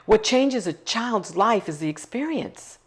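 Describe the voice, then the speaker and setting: A woman's voice: mid-range voice, expressive, unhurried, slightly rough. A middle-aged woman, a nonprofit founder, speaking earnestly and emphatically in a documentary interview.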